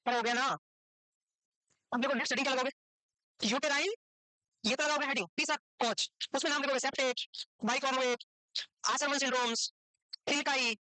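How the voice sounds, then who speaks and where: A woman's voice: sits high, sharp tone, no echo. A woman teaching a nursing exam class in a classroom, quizzing her students and scolding them for not knowing the answers. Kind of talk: classroom lecture.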